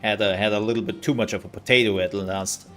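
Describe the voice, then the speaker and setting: A man's voice: lowish voice, fairly even intonation, quick pace, fairly bright tone, soft background music. A man giving casual live gaming commentary, rambling and thinking aloud as he plays. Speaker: livestreamer.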